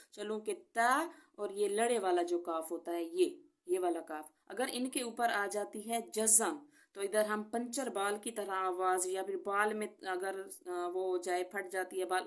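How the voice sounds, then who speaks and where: A woman with a medium-pitched voice teaches a Quran recitation lesson. She patiently explains each sound, then recites the words slowly and clearly.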